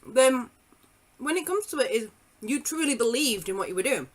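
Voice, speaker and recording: A woman's voice: fairly high pitch, animated, normal speed. A woman hosting a podcast in a casual chat, informal and self-deprecating. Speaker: podcast host.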